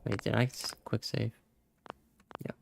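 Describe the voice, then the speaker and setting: A man's voice: lowish voice, level tone, measured pace, gravelly, slight background noise. A man streaming a game, muttering to himself and reading out dialogue choices as he plays. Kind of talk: gameplay commentary.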